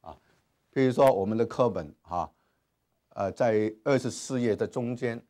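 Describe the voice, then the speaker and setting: A man's voice: mid-range voice, normal speed, dark tone. A man teaching Hebrew grammar in a classroom lecture, dropping in English terms and many "ah" and "ha" fillers. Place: classroom with whiteboard.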